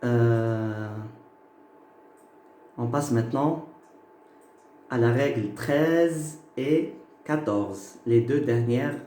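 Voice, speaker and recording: A man's voice: medium pitch, warm tone, slight background noise. A man teaching a phonetics lesson, explaining patiently and checking that listeners follow. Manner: slow, patient, checks in with "ok?" and "d'accord?". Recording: echoey room.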